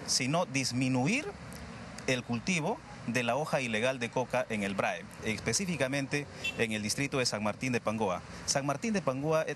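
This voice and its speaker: A man's voice: medium pitch, noisy background. A middle-aged man, a project promoter, explaining earnestly in a live outdoor interview on a reporter's mic. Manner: earnest, explanatory, uses fillers like "este". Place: outdoor plaza stand, in the city. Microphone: reporter's handheld mic.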